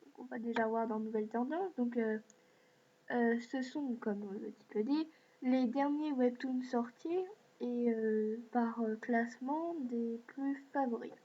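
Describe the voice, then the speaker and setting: A woman's voice: on the high side, measured pace, dark tone. A woman hosting a screen-recorded app walkthrough, talking in a hesitant way with many fillers. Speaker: video host. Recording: dull lo-fi mic with faint hiss.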